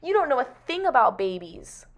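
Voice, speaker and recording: A woman's voice: high voice, sing-song, normal speed, highs cut off, voice pushed up. A woman voicing an upset, protective young mother in a storybook who scolds and exclaims.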